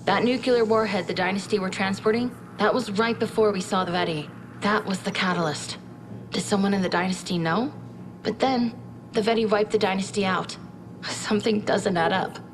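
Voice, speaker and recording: In a video game cutscene, a woman voices an earnest scientist advisor, candid, inquisitive and troubled, briefing a military commander with a concerned mood. She speaks thoughtfully and conversationally, with reflective asides, in a medium-pitched, lightly acted voice. The background is noisy.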